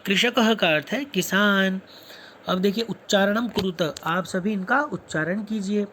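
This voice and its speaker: A man's voice: high voice, a little slow, sharp tone, slight background noise. A male teacher giving a lesson, spelling words out sound by sound and asking and answering his own questions. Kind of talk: classroom lesson explanation.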